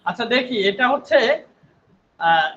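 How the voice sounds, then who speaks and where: A man's voice: extremely high pitch, animated, measured pace, pushed and bright, lo-fi sound, slight background noise. A male English teacher giving an online spoken English class, patiently repeating words and often checking in with his students.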